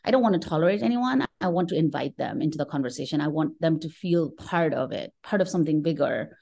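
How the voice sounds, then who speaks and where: This middle-aged woman from Nepal, a tech worker, talks fast and with animation in a low, gravelly yet mellow voice. As a podcast guest in a conversational interview, she reflects on things and keeps checking in with quick tag questions.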